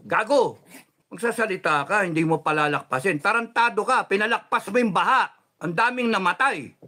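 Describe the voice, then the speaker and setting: A middle-aged man from the Philippines delivering a heated, cursing political rant, swinging from shouts to low controlled muttering. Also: moderate pace. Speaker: political commentator.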